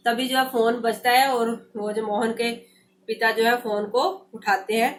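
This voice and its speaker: A woman's voice: fairly high pitch, level tone, unhurried. A woman teacher explaining a textbook story, retelling each passage in loose everyday speech with many fillers.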